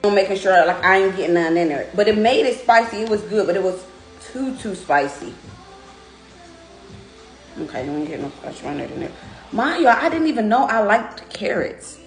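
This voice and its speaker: In a roomy, echoing space with some music behind, a woman chats to her viewers as she eats. She talks while chewing, in a mid-pitched voice. Her delivery is informal and emphatic, with drawn-out words and savoring hums. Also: animated. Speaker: mukbang host eating on camera. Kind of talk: casual mukbang chat to viewers.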